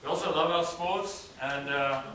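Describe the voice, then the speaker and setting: This man's fairly high, unhurried voice carries a South African accent; Afrikaans is his first language. As a student presenter at a cultural event, he gives a relaxed, hesitant slideshow talk peppered with "uh." A distant mic in the echoing hall adds a little hiss or hum.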